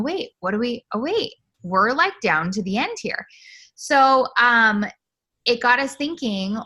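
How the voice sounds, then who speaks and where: A woman's voice: medium pitch, sharp tone. A woman hosting a casual team video call, chatty and distracted, breaking off mid-sentence to direct her kids at home.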